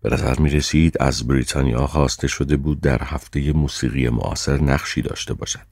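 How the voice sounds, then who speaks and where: Male audiobook narrator, even measured storytelling, very deep voice, dark tone, dry close recording. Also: vocal fry, no echo. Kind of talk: scripted narration.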